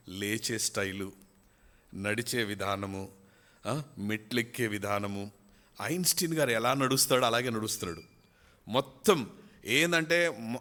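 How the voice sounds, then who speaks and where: A man preaching a sermon at a church youth retreat, telling a story in an animated way and acting out its quotes. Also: medium pitch.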